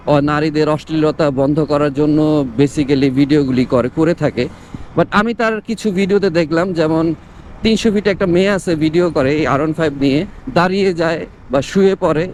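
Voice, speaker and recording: Higher-pitched Bangladeshi man motovlogging over traffic noise. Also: a little mellow. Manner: mixes English words into talk. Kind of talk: casual opinion commentary to viewers. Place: outdoors on the road, talking from inside a helmet. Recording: outdoor traffic and vehicle noise.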